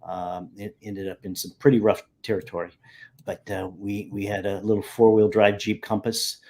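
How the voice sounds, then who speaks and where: A man's voice: lowish voice, little pitch movement, moderate pace, a little mellow. A man, chatting over a video call as a guest, telling stories in a rambling way that circles back and corrects itself. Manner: rambling, self-correcting storyteller. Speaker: guest geocacher. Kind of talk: casual video-call chat.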